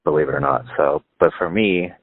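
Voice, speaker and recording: A low-voiced man in his fifties from Northern California talks as a guest musician in a casual phone interview, heard over a thin, phone-like line. He speaks fairly quickly with a slightly rough voice, rambling, restarting and saying "like" a lot.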